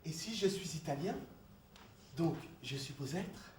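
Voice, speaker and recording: A man's voice: fairly high pitch, animated, a little slow, a little hiss or hum. A man in a comedy sketch dialogue, talking in an insistent, explaining way and laughing easily. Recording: echoey room, distant mic.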